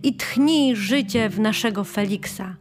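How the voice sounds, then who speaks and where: A woman's voice: mid-range voice, measured pace, a little mellow, natural voice. A woman voicing a solemn male creature who chants an invocation in a children's audiobook.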